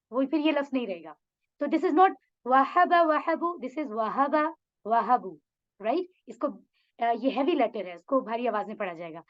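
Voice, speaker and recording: A woman's voice: high voice, muffled recording. A woman teaching an online Arabic class, encouraging her students and mixing English phrases into her Urdu. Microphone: video call mic.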